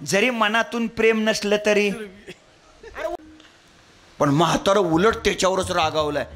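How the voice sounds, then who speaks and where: A man's voice: high voice, a little slow, crowd noise. A man preaching a devotional kirtan sermon, telling a story and quizzing his audience.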